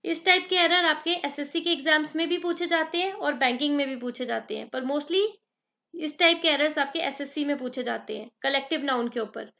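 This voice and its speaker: Woman tutor, high voice, dictates examples slowly, quizzes the class. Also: creaky, bright, forceful tone. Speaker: exam prep teacher. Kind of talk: grammar lesson in Hindi-English mix.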